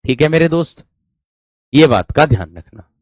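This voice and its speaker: A man teaching a Hindi grammar class online, repeating key phrases, slowing down to dictate and often checking whether students understood. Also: fairly high pitch, animated, breathy edge, no echo. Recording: dry, dull lo-fi sound.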